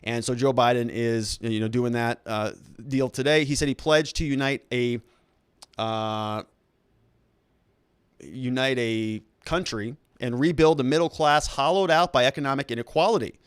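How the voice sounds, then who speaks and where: Male live-stream political commentator, crisp and dry-sounding, conversational with rambling asides. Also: medium pitch, moderate pace, no room sound.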